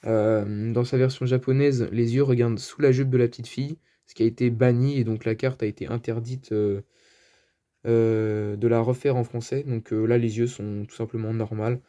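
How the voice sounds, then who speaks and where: A man's voice: medium pitch, steady tone, moderate pace, mellow. A man with a French accent presenting his card collection in a casual, hesitant chat full of fillers. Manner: chatty, hesitant, many fillers. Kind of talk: casual show-and-tell.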